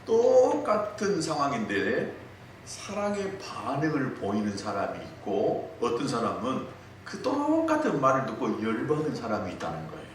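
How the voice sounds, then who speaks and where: A male pastor preaching a sermon in a church, telling stories in a lively way. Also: mid-range voice, normal speed. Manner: storytelling, lively. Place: church sanctuary. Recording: echoey hall, distant mic, faint noise.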